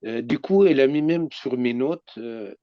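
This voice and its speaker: A middle-aged man, a psychoanalyst sharing a personal story in an earnest, halting way. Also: medium pitch, no room sound. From Iraqi Kurdistan. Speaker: psychoanalyst, participant. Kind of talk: personal testimony. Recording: dull lo-fi audio.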